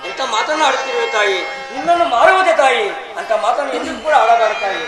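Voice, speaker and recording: Guy playing a big-hearted ex-thief brother, high n loud, kannada accent, roomy with crowd. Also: expressive, fast, over music. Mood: emotional. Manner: loud, emotional stage declamation. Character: reformed thief, emotional elder brother. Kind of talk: village stage drama. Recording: echoey stage with crowd.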